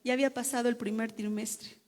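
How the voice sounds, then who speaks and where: A woman's voice: on the high side, steady tone, brisk, darkish tone, in a large hall. Woman giving an emotional church testimony. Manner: emotional storytelling with repetitions and restarts. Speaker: pastor's wife giving testimony.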